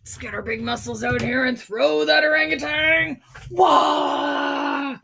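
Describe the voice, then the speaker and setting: A high, somewhat bright yet husky female voice carries a picture-book reading for children, recorded on a livestream. The storyteller is playful and exclamatory, with dramatic emphasis and asides to the young viewers.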